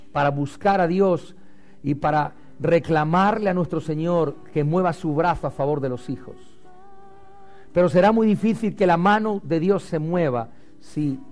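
A man preaching a sermon as pastor, swinging loud and rising to low and quiet.

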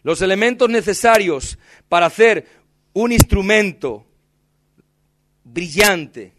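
A man's voice: sits high, lively intonation, slow pace, noisy background. A male pastor, preaching a sermon with impassioned, dramatic emphasis and addressing the congregation directly. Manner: tells personal stories with dramatic emphasis.

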